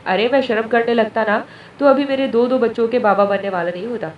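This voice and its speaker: A woman's voice: on the high side, steady tone, fairly quick, muffled recording, a little hiss or hum, natural voice. Bantering proud young husband, voiced by a woman reader, fond and cheeky; roomy, distant sound. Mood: teasing. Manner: bantering, affectionate. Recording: echoey room, distant mic.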